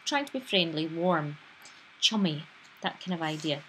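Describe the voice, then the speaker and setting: A woman's voice: deep voice, animated, moderate pace, pushed and bright, slight background noise, low-quality recording. A British woman teaching a recorded lesson, explaining patiently and acting out example sentences in different tones.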